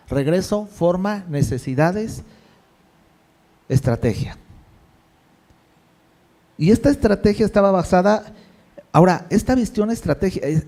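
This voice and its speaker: A male pastor preaching a sermon in a lively, conversational way, with jokes and rhetorical questions. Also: high-pitched.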